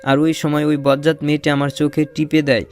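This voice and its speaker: A man's voice: a little high, monotone, fairly quick, soft background music. A young man narrating an audio romance story in first person, playful and teasing. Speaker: narrator and lead voice actor.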